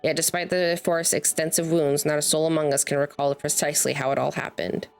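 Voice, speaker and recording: A woman voicing a motherly, formal guildmaster from a fantasy game, reading the dialogue in a measured way. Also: sits low, level tone, soft background music. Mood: grave, solemn. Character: motherly guildmaster welcoming adventurers, grave and formal.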